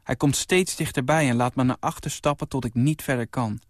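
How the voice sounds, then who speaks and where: Young man calmly reading his story. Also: mid-range voice, fairly quick, no echo, clean studio sound. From Netherlands. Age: 20s. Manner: calm, even storytelling, lifting his voice for the quoted lines. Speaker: short story writer.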